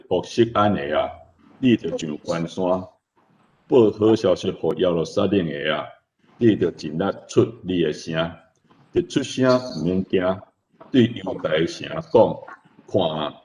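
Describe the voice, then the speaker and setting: A man, serving as a church elder, reads scripture aloud in a measured, declamatory way. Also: deep voice, darkish tone. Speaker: church elder leading worship. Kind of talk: scripture reading. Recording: dull lo-fi recording with faint noise.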